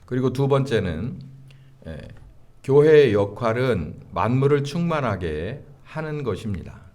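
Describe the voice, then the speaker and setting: A middle-aged male pastor delivering a sermon slowly and deliberately, with frequent filler sounds between phrases. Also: medium pitch, sing-song, a little mellow.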